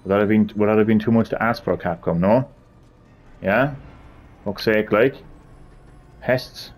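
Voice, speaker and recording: A man's voice: lowish voice, unhurried. A man giving gameplay commentary, frustrated, swearing and muttering to himself as he plays. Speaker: gamer.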